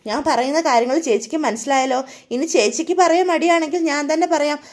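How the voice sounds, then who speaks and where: A woman's voice: high-pitched, quick pace, close to an everyday voice. A woman voicing a blunt young woman who threatens to leave the house. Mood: insistent.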